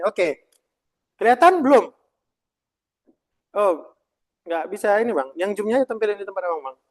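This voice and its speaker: A presentation trainer with a fairly high voice runs a live workshop on presentation skills in a meeting room. He speaks in a lively, emphatic manner and repeatedly asks the audience whether everything is clear.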